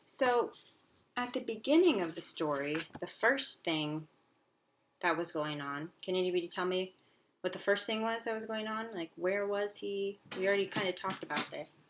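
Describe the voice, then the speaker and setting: During a read-aloud lesson for young pupils, a woman who teaches elementary school speaks at medium pitch and a moderate pace with lively intonation. Her approach is encouraging and instructional, built on simple phrasing and frequent questions. Noise and clicks mar the recording.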